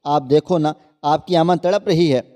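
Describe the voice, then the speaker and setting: Guy doing a heartbroken young wife begging, soft mellow tone, story read. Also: on the high side, steady tone, in a large hall, natural voice. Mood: pleading. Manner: pleading, emotional. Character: young wife, desperate and pleading. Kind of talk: storybook narration.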